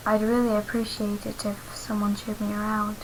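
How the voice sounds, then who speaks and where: A woman voicing a shy teenage boy who speaks quietly and hesitantly. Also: medium pitch, completely flat delivery, moderate pace, slight background noise, lightly acted, rough recording. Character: shy, soft-spoken teenage boy in a mask.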